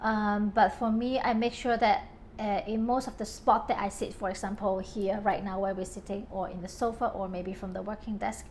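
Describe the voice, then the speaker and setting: Steady and slightly mellow, this medium-pitched woman's voice moves at a moderate pace over slight background noise. She's from Hong Kong and talks about her home and design in a relaxed interview, filler words frequent and laughter never far off.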